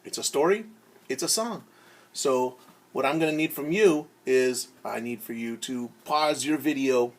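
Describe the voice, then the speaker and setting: At a medium pitch, a man acts as a teacher telling young children a story, theatrically pausing to explain words in simple language and to act out the sounds.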